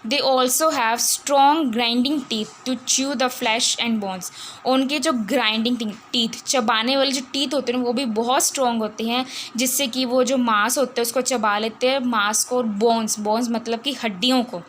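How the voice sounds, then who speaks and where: A woman with an Indian accent teaching a science lesson, reading English lines slowly and then explaining them in Hindi mixed with English, asking herself questions and repeating words. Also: a little high, fairly even intonation, fairly bright tone, slight background noise.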